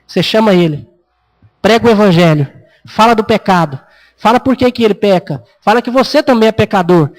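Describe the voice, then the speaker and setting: High-voiced Brazilian pastor preaching. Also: male voice, fairly quick, poor audio. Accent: Brazilian Portuguese. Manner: conversational preaching, acts out parents and children with a raised voice. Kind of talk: expository sermon.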